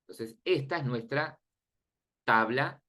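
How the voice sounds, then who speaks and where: A man's voice: medium pitch, slow, bright, forceful tone. A man teaching a class, explaining step by step and often checking that the students follow, in an informal, friendly manner. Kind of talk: classroom lecture on databases.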